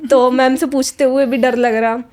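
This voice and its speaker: A woman's voice: sits high, measured pace, a little mellow, no echo. A young woman, a fashion design student, telling her story in a podcast interview, hesitant and full of fillers, her voice choked up as if near tears. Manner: hesitant, many fillers and restarts.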